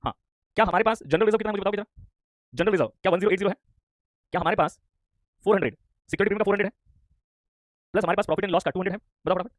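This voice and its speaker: A male teacher with a hoarse throat drills his students in an online lecture. He talks very fast in a high voice, repeats himself and keeps asking them questions. The sound is dry and close. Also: dry recording. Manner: scolding, repeats lines, quizzes students. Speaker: commerce teacher.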